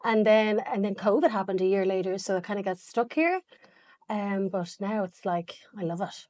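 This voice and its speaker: A woman's voice: mid-range voice, normal speed, darkish tone, dry recording, clean studio sound. An Irish woman in her forties from Cork, a guest makeup artist chatting casually in an interview, with many likes and restarts. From Cork, Ireland. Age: 40s.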